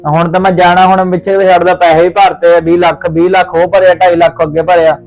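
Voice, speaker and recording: Man playing a rapid insistent Punjabi son. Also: high voice, little pitch movement, a little mellow, faint music behind, low-quality recording. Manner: insistent, firm, talks over others. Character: young adult son set on going abroad, stubborn. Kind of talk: Punjabi short drama acting.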